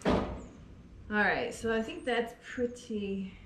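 A woman's voice: a little high, steady tone, slow, very noisy. A middle-aged woman, a sheep farmer, chatting enthusiastically while she works at a table in a barn, filmed by a camera a few feet away. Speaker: sheep farmer and fleece seller. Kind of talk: casual demonstration while working. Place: indoor barn by a fleece-skirting table. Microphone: camera on tripod a few feet away. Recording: echoey barn with faint ambience.

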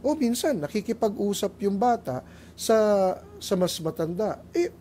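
Animated Filipino lay preacher. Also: male voice, sits high, measured pace, slight background noise. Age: middle-aged. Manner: animated storytelling, acting out voices, mixing English phrases.

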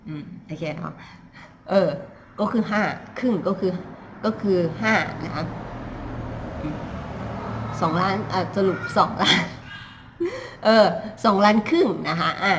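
A woman's voice: medium pitch, big pitch swings, a little hiss or hum. Patient woman teaching English phrases. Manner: explains in Thai, repeats English phrases slowly and carefully. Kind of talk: language lesson, repeating phrases slowly.

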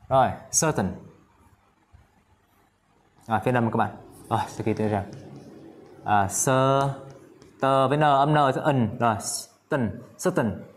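A man teaching English vocabulary in a casual lesson, repeating each word several times and chatting with viewers between words. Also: mid-range voice.

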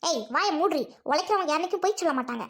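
A woman's voice: very high-pitched, expressive, rapid-fire, a bit bright. A woman doing a stern scolding older woman. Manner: scolding, firm.

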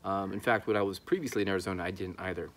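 A man in his thirties with a deep, steady voice talks rapid-fire to camera in a backyard, outdoors. A YouTube host and amateur radio hobbyist, he casually explains his hobby.

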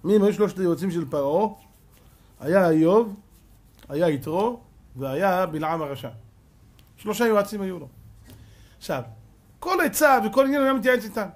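A man giving a rabbi's sermon, telling stories dramatically and swinging between loud emphasis and hushed tones, with repeated rhetorical questions. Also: sits high, expressive, long pauses. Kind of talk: Torah sermon with storytelling.

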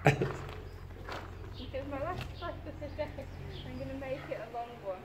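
A woman's voice: high-pitched, animated, moderate pace, noisy background. A young woman hosting her outdoor vlog by a canal, talking to viewers with a dry, playful manner. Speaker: magnet fishing vlogger. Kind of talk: casual vlog chat.

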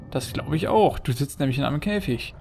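A man's voice: on the high side, lively intonation, brisk, creaky, over music. A man giving casual, joking commentary as a let's play host, chatting away and humming along.

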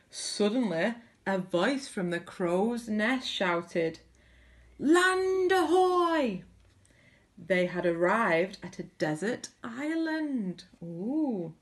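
A woman reads a picture book aloud to children. Her pace is very slow and unhurried, and she adds chatty little comments between the lines. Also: on the low side. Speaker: storybook reader.

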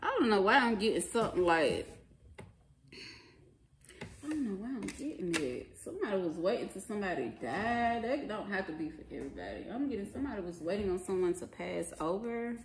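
Her voice is medium in pitch, a bit quick and sing-song as she does an off-the-cuff tarot reading, colloquial, profane and forceful in tone. Card clicks and obvious noise fill this home recording, made at a table in a small living room.

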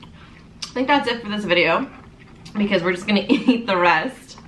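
Young woman, vlog co-host, playful and giggly, bright and slightly high, distant mic. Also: expressive, moderate pace. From Canada. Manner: playful, giggly, short remarks. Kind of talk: casual food review vlog. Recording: echoey room, mic at a distance, faint noise.

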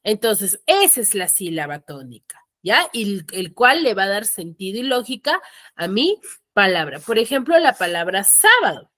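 A woman's voice: medium pitch, sing-song, moderate pace, pushed and bright. A woman teaching an online class, explaining step by step and often stopping to check that students follow. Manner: asks students to mute their mics. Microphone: computer microphone on a video call.

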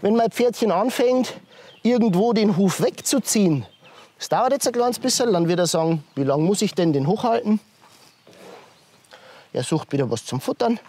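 A man, a horse trainer demonstrating hoof handling step by step, softly praising the horse between explanations. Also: high-pitched, lively intonation, moderate pace, long pauses. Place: outdoors with a horse.

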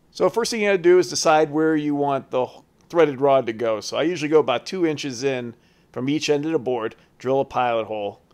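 A man hosting his carving channel, talking through a do-it-yourself build step by step in a casual, folksy voice-over. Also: mid-range voice. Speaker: chainsaw carver, channel host. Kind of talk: how-to voice-over.

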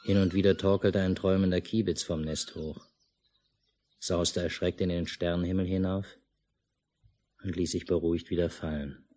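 In a 1950s German radio drama, an actor plays the lead and narrator, a stubborn, unruffled village family man. His low, warm voice is flat in delivery, moderately paced with long pauses, and calm as he narrates. The mono recording is noisy.

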